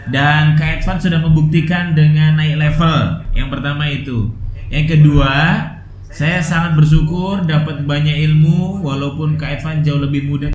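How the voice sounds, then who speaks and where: A male interview host puts his questions politely and respectfully. His voice sits a little high and rings out in a roomy, echoing space. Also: fairly even intonation, moderate pace, darkish tone. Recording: roomy echo.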